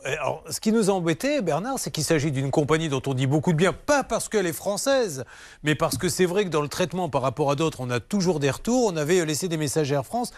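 Guy hosting a radio show, bit high voice, dry close mic, keeps the questions going. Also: big pitch swings, a little fast, no room sound. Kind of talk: radio consumer call-in show.

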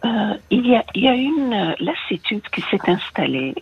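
Caller, woman in her 60s, slight American accent, hesitant, gravelly and a bit muffled. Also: medium pitch, big pitch swings, normal speed, a little hiss or hum. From France. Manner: hesitant, many fillers and soft laughs. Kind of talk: phone-in confession.

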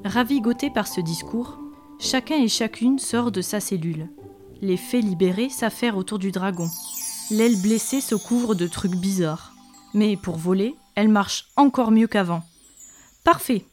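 Woman reader, expressive children's storybook narration, mid pitch, faint music underneath. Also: moderate pace. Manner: expressive, lively reading with character voices. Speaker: storyteller from a media library. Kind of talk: storybook read-aloud.

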